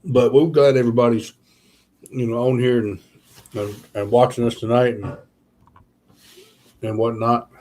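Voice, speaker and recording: A man's voice: medium pitch, flat delivery, a little slow, long pauses, darkish tone, a little hiss or hum. A tired man, chatting casually with viewers on a live stream, rambling with lots of fillers. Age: 30s. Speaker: channel host.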